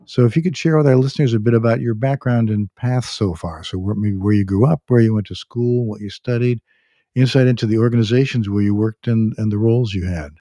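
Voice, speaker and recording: A man hosts a tech podcast, formally introducing his guest and asking long, polite questions. His voice is lowish and mellow, his pace a little fast, and the recording has no room sound.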